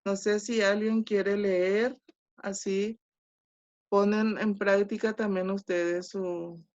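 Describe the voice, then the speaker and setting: A woman teaching an online class, speaking slowly and deliberately and checking in with short questions. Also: medium pitch, little pitch movement, darkish tone. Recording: dull lo-fi online class audio.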